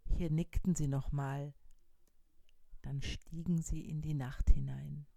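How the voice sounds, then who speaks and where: A woman reading a story aloud, slowly and quietly, sometimes in a whisper. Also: deep voice, fairly even intonation, creaky, dry recording.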